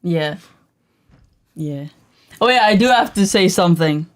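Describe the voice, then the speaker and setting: A woman co-hosting a casual livestream chat with her husband, blunt and quick to laugh, prone to exaggerating on a roll. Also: lowish voice, animated. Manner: blunt, laughs easily, says she exaggerates when on a roll. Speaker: co-host of a couple's livestream.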